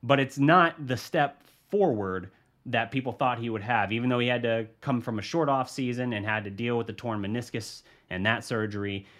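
A man with a slightly bright, mid-range voice hosts a solo sports podcast at a moderate pace. A sports journalist, he talks through his views casually, thinks aloud, and often restarts his sentences.

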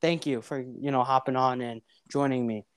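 A young man hosting a casual podcast interview, rambling with halting restarts. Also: medium pitch, steady tone, smooth, no room sound, studio quality. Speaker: podcast host.

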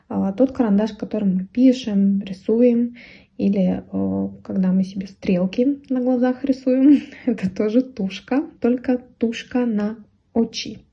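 A woman language teacher patiently translating a children's story and explaining words, sometimes laughing softly as she explains. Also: medium pitch, husky, highs cut off.

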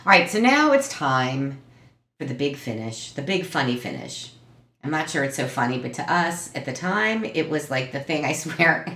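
A woman's voice: low voice, sing-song, normal speed, a bit bright. A woman in her fifties co-hosting a podcast, telling family stories in a chatty, exasperated way. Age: 50s. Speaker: podcast host. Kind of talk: casual storytelling chat. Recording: echoey room.

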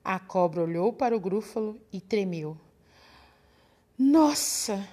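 A woman reading a children's picture book aloud in an expressive, singsong way. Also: medium pitch, normal speed. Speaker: storyteller. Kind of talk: children's story read aloud.

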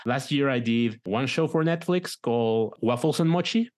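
Here a middle-aged director and producer from Mexico, with a Mexican Spanish accent, chats about his career as an interview guest, repeating words often as he looks for them. His voice is medium-pitched and a little mellow, and he keeps a moderate pace.

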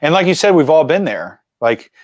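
A man in his forties, a filmmaker and mountain biker, telling stories as a guest in a casual interview with animated, chatty energy. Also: a little high, moderate pace, no room sound. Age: 40s.

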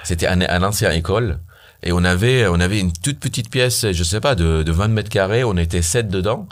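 A man's voice: sits low, brisk. A founder from Syria, telling his story animatedly in an interview, with many fillers and restarts. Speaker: startup founder guest.

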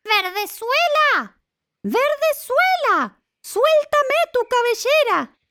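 A woman doing a slow, menacing old witch. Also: high-pitched, big pitch swings, slight background noise, voice pushed up, heavily acted. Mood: calling. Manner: slow, menacing, drawn-out calls.

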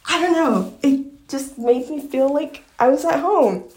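A woman's voice: high voice, animated, a little slow, darkish tone. A young woman from Long Island talking in a casual, rambling vlog chat full of fillers. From Long Island, New York. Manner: chatty, rambling, lots of fillers. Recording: echoey room.

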